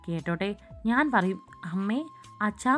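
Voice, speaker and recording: A woman's voice: mid-range voice, animated, quick pace, faint music behind, lightly acted. A woman voicing an innocent, childlike young bride who talks in a naive, pouting, sing-song way in a storybook reading. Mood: innocent pleading.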